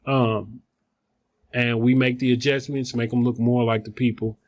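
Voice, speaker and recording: A man giving a casual, rambling software tutorial, thinking aloud, recorded on a phone some distance away. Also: mid-range voice, flat delivery, moderate pace, muffled recording. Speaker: video tutorial presenter.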